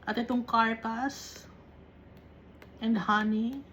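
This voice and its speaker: A woman teaching a Bible study, reading verses slowly and then explaining them, often checking in with little tag questions. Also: a little high, fairly even intonation, fairly bright tone, a little hiss or hum, rough recording.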